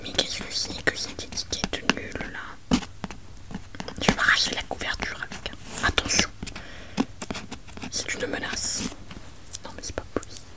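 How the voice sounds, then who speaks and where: A woman presents books in a hushed ASMR library whisper, chatty and rambling with self-mocking asides. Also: moderate pace, poor audio. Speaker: ASMR video creator.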